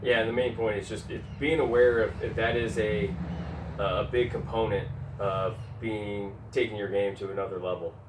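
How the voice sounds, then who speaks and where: A man giving steady, explanatory advice on jiu-jitsu in casual instructional chat. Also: lowish voice, normal speed, background noise. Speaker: jiu-jitsu training partner. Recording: roomy, distant mic with faint gym ambience.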